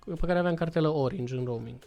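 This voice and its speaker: A man's voice: a little high, creaky, warm tone, soft background music. Male podcast guest, chatty storyteller who acts out every quote. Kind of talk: casual storytelling.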